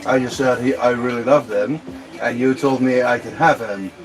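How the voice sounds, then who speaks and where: A man in casual chat, halting with many fillers and dry, self-mocking humour. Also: medium pitch, fairly even intonation, a loud crowd, low-quality recording. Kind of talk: casual chat while eating out.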